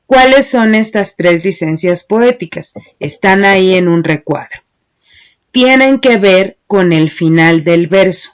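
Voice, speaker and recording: A woman teacher giving a methodical lesson, patiently explaining step by step and counting syllables aloud one by one. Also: medium pitch. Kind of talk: slow, methodical class lecture.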